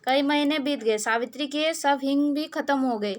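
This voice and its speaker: A woman's voice: sits high, normal speed. A woman teacher reading a story aloud to her class, then retelling it in simpler words and asking the pupils questions, with frequent hesitations and restarts. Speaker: school teacher.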